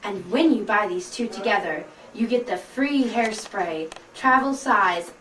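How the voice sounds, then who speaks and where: A woman's voice: mid-range voice, unhurried, fairly bright tone. Distant, echoey woman doing a hard-sell ad. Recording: roomy, noisy, distant amateur recording.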